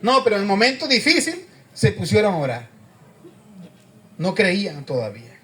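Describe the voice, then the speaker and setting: A man's voice: sits high, huge pitch swings, normal speed, a bit bright. A man preaching a conversational sermon, often asking the congregation questions and repeating amen.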